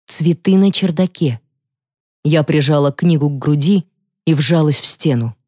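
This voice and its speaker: A woman narrating a psychological thriller audiobook in the first person with a steady, measured reading. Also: sits low, no room sound, clean studio sound.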